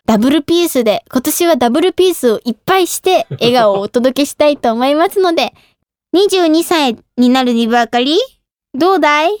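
A radio show host and idol in her twenties chats in a casual, giggly way, often laughing at herself. Her voice sits high with lively intonation and a slightly fast pace, and there is no echo.

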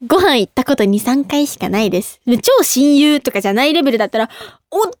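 A young woman hosting a casual radio talk show, reading listener mail with a bubbly, giggly, animated manner. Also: high voice, fast, slight background noise. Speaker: idol radio host.

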